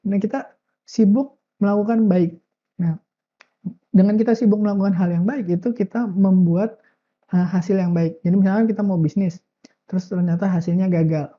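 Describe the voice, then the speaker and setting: A woman giving a relaxed, casual motivational talk, full of filler words and drawn-out "eee" hesitations. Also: medium pitch, muffled recording. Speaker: self-improvement speaker.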